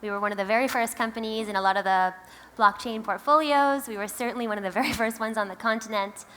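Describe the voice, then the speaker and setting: A woman's voice: a little high, fast, pushed and bright. A woman with a Queens, New York accent giving a conference keynote in an emphatic, conversational, wry manner. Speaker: company founder, keynote speaker.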